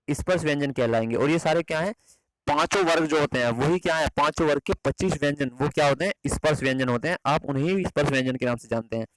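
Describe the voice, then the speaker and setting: A man's voice: fairly high pitch, no room sound, rough recording. A man teaching an exam-prep phonetics lesson, patiently repeating himself, correcting slips and answering his own questions.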